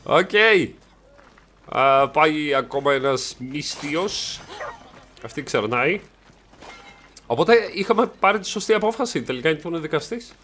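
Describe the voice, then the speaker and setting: A man's voice: a little high, long pauses, fairly bright tone, a little hiss or hum. A young man hosting a gaming channel, giving playful, joking let's play commentary with some swearing.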